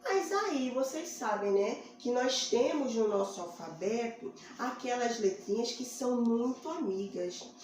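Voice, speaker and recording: A woman's voice: fairly high pitch, expressive, a little mellow. A woman teacher with a Brazilian accent telling a phonics story to small children, drawing out her vowels in a sing-song way. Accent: Brazilian Portuguese. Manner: slow, sing-song, stretches vowels while pointing to letters. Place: classroom with a board. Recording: very echoey classroom, faint room noise.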